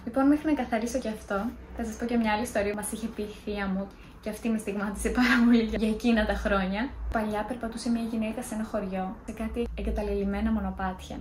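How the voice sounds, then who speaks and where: A woman's voice: medium pitch, steady tone, darkish tone, echoey room, slight background noise. A young woman in a casual vlog, chatty and self-mocking as she tells scary stories. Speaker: vlogger.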